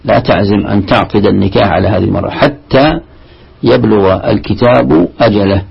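A man teaching a classical Arabic lesson on Quran commentary, halting and repeating himself as he explains. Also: lowish voice, creaky, husky, highs cut off.

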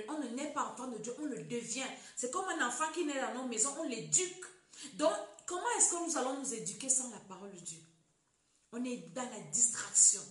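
A woman preaching a sermon, exhorting the listener directly and leading a prayer for them to repeat. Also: fairly high pitch. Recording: echoey room.

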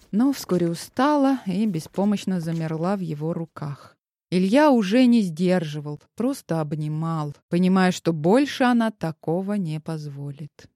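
Lowish, dry-voiced woman narrator. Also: dark tone, no room sound. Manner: measured, dramatic storytelling. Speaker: audiobook narrator. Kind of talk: scripted narration.

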